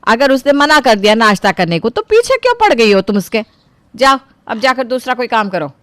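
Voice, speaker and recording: This is a stubborn old grandmother, acted by a woman who rules the house. She is commanding and scolding, with a voice a little higher than usual. The sound is close and dry. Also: sing-song, brisk, fairly bright tone, no echo. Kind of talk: voiced storybook character.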